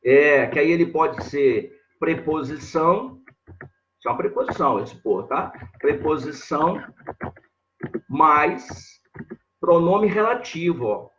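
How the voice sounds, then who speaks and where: A man teaching grammar in a live online lesson, talking slowly and repeating himself as he points things out on a board. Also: a little high, lively intonation, a bit bright, highs cut off, slight background noise. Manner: slow and repetitive, constantly saying "ó" and "olha lá" while writing on a board.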